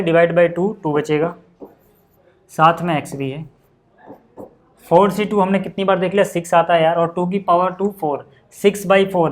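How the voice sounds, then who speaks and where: A man teaching maths at a board, chatty and explaining step by step, often asking if the class follows. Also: a little high. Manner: chatty, asks check-in questions.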